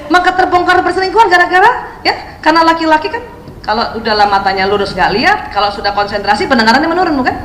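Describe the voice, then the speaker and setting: High-voiced woman lecturing in an echoey hall. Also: big pitch swings, fast, fairly bright tone. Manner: asks the audience questions and acts out prayers and quotes. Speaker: Islamic parenting speaker. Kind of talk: religious lecture to women. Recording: echoey hall, faint background noise.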